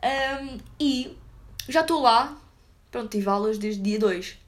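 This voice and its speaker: A woman's voice: a little high, takes it slowly. A young woman with a European Portuguese accent, telling a story to her viewers in casual, slangy chat full of fillers. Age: young adult. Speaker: vlogger.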